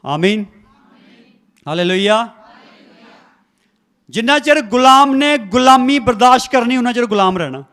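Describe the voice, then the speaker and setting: Emphatic high-voiced male preacher. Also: expressive, unhurried, long pauses, fairly bright tone, clean tone. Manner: emphatic, repeats phrases, calls for congregation response. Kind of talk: sermon. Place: church before a congregation.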